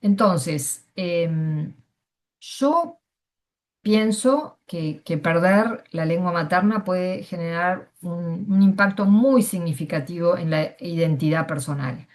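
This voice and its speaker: Argentine woman, middle-aged, panel speaker: thoughtful, halting delivery with restarts. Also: lowish voice, a little mellow. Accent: Argentine Spanish. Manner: hesitant, many fillers and restarts. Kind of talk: casual personal testimony.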